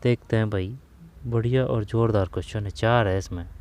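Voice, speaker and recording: A man's voice: lowish voice, steady tone, normal speed, darkish tone. A man going through grammar exam questions in a casual spoken lesson, repeating phrases as he thinks aloud. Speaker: exam-prep grammar teacher.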